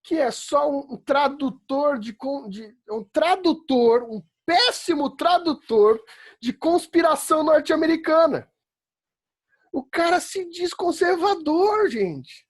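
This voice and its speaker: With a very high-pitched, animated voice, a São Paulo man takes his time teaching an online law philosophy class from home in quarantine. A law school professor with a Paulista accent, he is chatty and emphatic, says "né?" a lot, and occasionally launches into exasperated rants.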